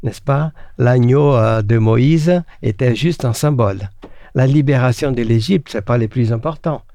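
A man's voice: mid-range voice, dark tone, no echo. Earnest man teaching the Bible. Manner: earnest, asks rhetorical questions; halting, with frequent fillers and restarts.

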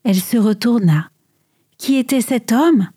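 Animated high-voiced woman reading a story. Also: unhurried, slightly rough, dry recording, clean studio sound. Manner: animated, dramatic, dips into whispers.

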